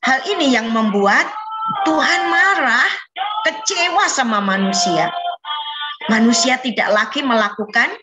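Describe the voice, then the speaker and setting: A woman's voice: a little high, expressive, measured pace, loud music behind the voice. A woman leading a children's Bible lesson over a video call, patiently coaxing the kids with questions. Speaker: children's Sunday school teacher.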